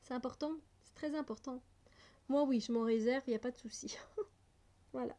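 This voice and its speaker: Give me a chatty woman vlogger with a slightly high, mellow voice, laughing and hesitating as she answers questions. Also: normal speed. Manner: chatty and light, laughs often, many hesitations. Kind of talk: casual vlog reading out and answering personal questions.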